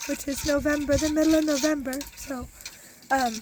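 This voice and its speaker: A homesteader and beekeeper from Iowa in her forties, who is losing her voice, chats through a beekeeping recipe step by step on her outdoor back deck in a farm yard, filmed close on a phone camera. Her high voice is a little mellow, with fairly even intonation and a moderate pace, and she restarts often. The recording is rough, with slight background noise.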